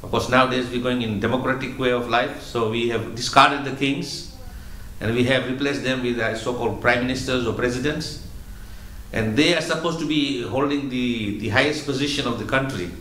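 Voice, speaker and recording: A spiritual teacher gives a religious lecture in a medium-pitched, slightly bright voice, explaining in a measured way and circling back on his own words. The roomy sound carries noticeable echo, along with a little hiss or hum.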